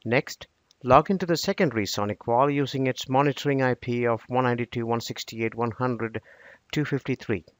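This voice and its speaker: A man delivers scripted tutorial narration in a steady, instructional manner. His voice sits at an ordinary middle pitch. The recording is close and dry, with no room sound. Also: brisk, no echo.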